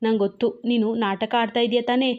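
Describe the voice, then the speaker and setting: Female narrator doing young man, gruff, shaky pleading, bit high, lo-fi. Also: little pitch movement, fairly quick, lightly acted. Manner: trembling, scolding.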